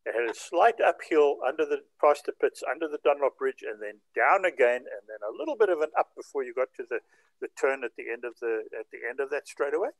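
An older South African man chats casually on a group video call as a member of a hobby group, recounting things in detail. His mid-range voice is lively in intonation and he talks fast. There's no echo, but the audio quality is poor.

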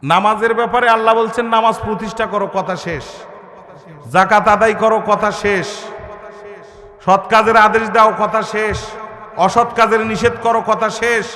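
A man's voice: high-pitched, fairly even intonation, normal speed, pauses often. A man preaching a fiery sermon, often asking the crowd whether they understand and chanting Arabic verses. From Bangladesh. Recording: echoey hall, loudspeaker sound.

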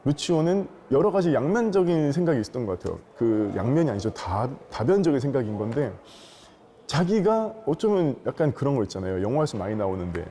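Male interview guest, earnest and reflective, warm mellow voice, lively intonation. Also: mid-range voice, fast, a little hiss or hum. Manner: earnest, reflective, explains at length. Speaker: musical actor as interview guest. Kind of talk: casual interview talk. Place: quiet room with some ring.

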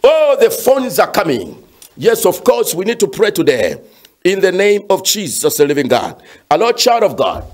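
A man's voice: sits high, wildly swooping pitch, moderate pace, darkish tone. A man preaching fervently and praying with callers on a phone-in, with frequent "uh" fillers. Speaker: pastor. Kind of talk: shouted sermon and prayer phone-in.

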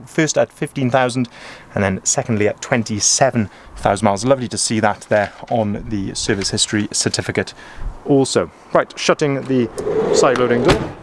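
A man's voice: mid-range voice, slight background noise. A man from Wales, a van sales manager, giving a chatty walkaround of a camper van inside the vehicle and out on the dealer's lot, often saying "as I say", with the phone camera in his own hand. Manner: chatty, keeps repeating "as I say".

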